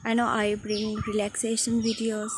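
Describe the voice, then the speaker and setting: A woman narrating a casual nature vlog outdoors in halting short phrases, recorded on a phone with wind on the mic. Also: medium pitch, monotone. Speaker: vlogger. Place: outdoors in a garden on a windy day. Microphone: handheld phone. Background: wind and chirping birds.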